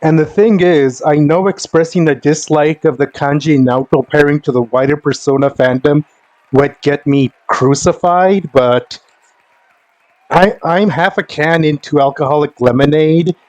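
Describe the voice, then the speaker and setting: A game streamer talks over his gameplay in casual commentary, sardonic and exasperated, swearing freely. His voice is fairly high with a darkish tone and a moderate pace. The recording is muffled but has no room sound.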